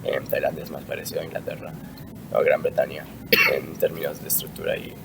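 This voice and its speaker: A man's voice: rumbling low, flat delivery, a little fast. A young man from Argentina answering interview questions in a casual, hesitant way, with frequent fillers and restarts. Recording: distant mic with clear background noise.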